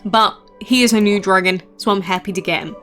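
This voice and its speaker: A woman talks through her mobile game in a relaxed, rambling way, full of little asides. Her pitch sits in an ordinary middle range, and soft game music plays faintly under her voice. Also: brisk. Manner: chatty, rambling with asides and filler. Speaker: game channel host. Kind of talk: casual gameplay commentary.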